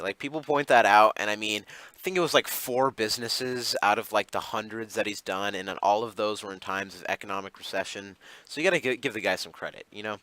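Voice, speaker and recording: A man's voice: lowish voice, bright, forceful tone, dry recording, poor audio. A young man giving casual gameplay commentary, rambling with many fillers and restarts. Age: young adult. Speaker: gamer.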